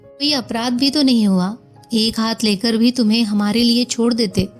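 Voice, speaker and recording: Brief: woman doing a tearful, devoted young sister-in-law, higher voice. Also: normal speed, soft background music, natural voice. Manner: tearful, pleading.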